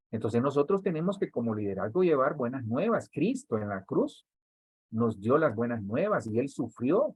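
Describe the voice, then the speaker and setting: Husky-voiced Honduran pastor teaching church workers. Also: male voice, medium pitch, no room sound, phone-quality sound. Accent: Honduran Spanish. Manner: addresses listeners directly, repeats words, builds emphasis.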